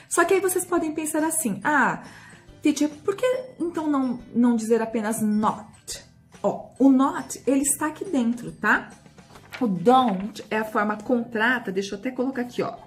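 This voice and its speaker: A woman with a Brazilian Portuguese accent teaching English grammar, slowing right down to model the English phrases and checking in often with short asides to the viewer. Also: fairly high pitch. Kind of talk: explaining a grammar lesson.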